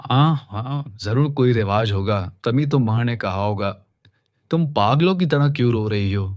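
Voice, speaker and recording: A man's voice: mid-range voice, animated, measured pace, a little mellow, no echo, studio quality, natural voice. A man voicing a dismissive, impatient young husband in a cartoon. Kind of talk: cartoon voice acting.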